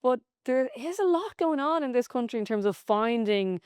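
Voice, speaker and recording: A woman hosting a podcast conversation about faith, speaking in a measured, reflective way. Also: on the high side, lively intonation, a little mellow, clear, resonant tone, no echo, studio quality. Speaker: podcast host.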